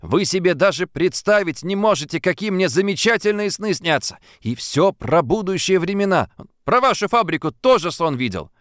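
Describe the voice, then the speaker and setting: An earnest young man, as a male reader plays him in an audiobook, eager and persuasive with lively pitch swings. The voice sits close and dry. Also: moderate pace, no room sound. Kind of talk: audiobook character voice.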